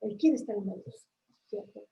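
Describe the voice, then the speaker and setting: High mellow lady, keeps asking right?, sounds far from mic in an echoey room. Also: expressive, normal speed, creaky, highs cut off, slight background noise. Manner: reflective, seeks agreement with tag questions. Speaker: church ministry member. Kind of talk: casual faith discussion.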